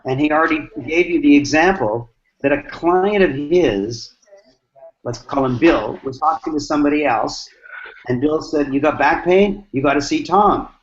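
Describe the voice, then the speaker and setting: A man hosting a mastermind talk, answering questions with lively acted-out stories and emphatic repetition. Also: fairly high pitch, normal speed. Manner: animated, acts out dialogue, repeats lines for emphasis. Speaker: host. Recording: dull lo-fi sound.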